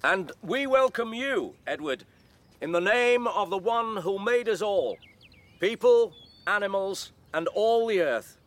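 A man's voice: high voice, expressive, measured pace, a bit bright. A man playing a welcoming clergyman at a village service in a naturalistic radio soap, with a formal manner. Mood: ceremonial.

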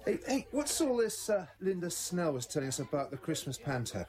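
An actor playing a jovial, teasing villager in a naturalistic radio soap. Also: male voice, on the high side, sing-song, fairly quick. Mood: amused, teasing. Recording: busy gathering chatter behind.

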